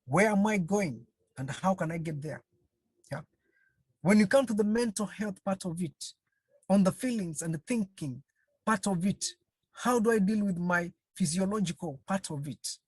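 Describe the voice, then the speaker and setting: Speaking with a breathy edge in a mid-range voice, a counselling trainer gives a video-call webinar at a slow, halting pace. They repeat phrases and continually put rhetorical questions to the audience. The recording is dry.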